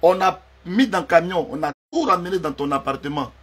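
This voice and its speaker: A man's voice: high voice, expressive, fairly quick, a bit bright, husky. A man, delivering a heated, confrontational personal rant and repeating himself for emphasis.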